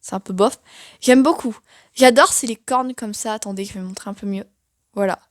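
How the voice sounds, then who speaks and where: A woman's voice: mid-range voice, normal speed, dry recording, clean studio sound. A young woman giving a casual, chatty tour of her sketchbook, self-mocking and full of fillers. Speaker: art vlogger.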